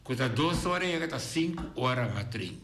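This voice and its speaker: Male singer guest, Bonaire accent, gravelly, halting and repetitive, echoey radio studio. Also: medium pitch, expressive, a bit bright. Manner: halting, repeats words often. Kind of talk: radio interview.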